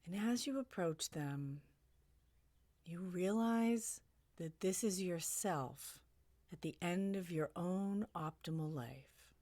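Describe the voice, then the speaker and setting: A low-pitched female narrator leads a guided meditation, recorded close-up and dry, with an animated quality. Her gentle, soothing prompts come very slowly, separated by lengthy pauses.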